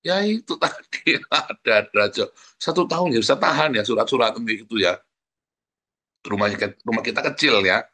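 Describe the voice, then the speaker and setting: Male pastor with an Indonesian accent, bright voice, chatty sermon delivery with humor. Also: medium pitch, moderate pace, husky. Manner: conversational and humorous, often adds "saudara ya" and laughs while telling a story.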